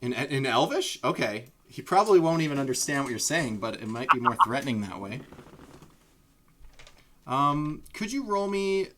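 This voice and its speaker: A man's voice: medium pitch, big pitch swings, moderate pace, pushed and bright, a little hiss or hum. A man running a live tabletop game as dungeon master, talking casually and rambling through restarts and fillers.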